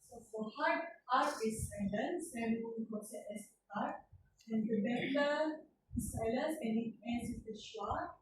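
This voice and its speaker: A woman who speaks as a gives a class presentation on pronunciation, talking carefully with many pauses and restarts. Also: on the high side. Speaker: student presenter. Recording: far-off voice in an echoey room with background noise.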